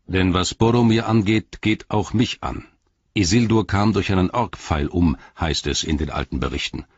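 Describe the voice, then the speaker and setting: A man's voice: sits low, moderate pace, husky, no echo, lo-fi sound. A man reading an audiobook who voices a stern, commanding male captain interrogating a prisoner.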